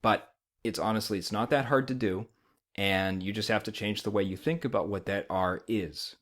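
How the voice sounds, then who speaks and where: American male instructor, lowish pitch, conversational explainer who keeps checking in with the learner. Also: fairly even intonation, moderate pace, fairly bright tone. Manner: conversational, often checking in with "okay". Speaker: language teacher.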